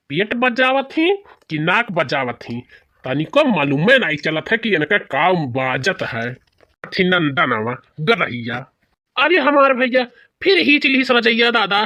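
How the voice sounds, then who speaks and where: A man's voice: high-pitched, bright, forceful tone, dry recording, heavily acted. A man voicing a thin, complaining old village husband in a cartoon, with a whiny, grumbling manner. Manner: whiny and grumbling, with rustic dialect. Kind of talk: cartoon voice acting.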